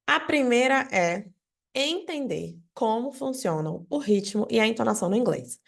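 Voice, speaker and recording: Creaky-voiced woman teaching a lesson. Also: on the high side, moderate pace. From Brazil. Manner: explains directly to viewer, lively questions. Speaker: English teacher. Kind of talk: online language lesson.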